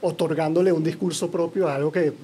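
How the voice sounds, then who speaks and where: A man's voice: on the high side, steady tone, fast talker, mellow, a little hiss or hum. A man interviewing casually, rephrasing his questions informally as he goes.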